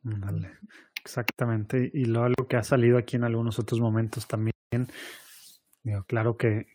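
A man with a Mexican accent hosting a conversational interview, warmly chatty and often ending his points with a tag question. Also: medium pitch, dry recording, clean studio sound. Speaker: host.

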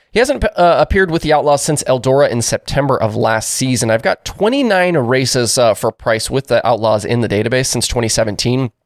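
Stuffed-up guy hosting a daily racing news show, quick and casual, dead dry mic. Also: mid-range voice, vocal fry, no room sound. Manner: brisk, informal news delivery. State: congested. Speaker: host. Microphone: new microphone.

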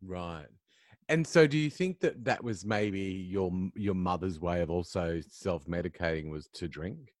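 A man's voice: low-pitched, unhurried, no echo, studio quality. A man hosting an interview podcast, introducing his guest and responding to her with effusive, affirming remarks. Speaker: podcast host.

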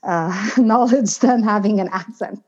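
A woman speaking as an interview guest, reflective and earnest, with emphatic, deliberate phrasing. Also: mid-range voice, darkish tone, lo-fi sound. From outside the United States. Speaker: podcast guest, inclusion and diversity consultant.

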